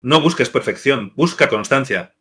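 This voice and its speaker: A man narrating scripted devotional marriage advice in an even, measured list-reading delivery. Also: mid-range voice, breathy edge.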